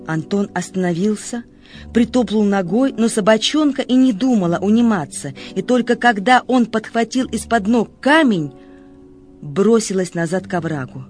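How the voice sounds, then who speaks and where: A woman's voice: mid-range voice, animated, moderate pace, darkish tone. Female narrator, scripted literary storytelling, mid-range voice, faint music bed.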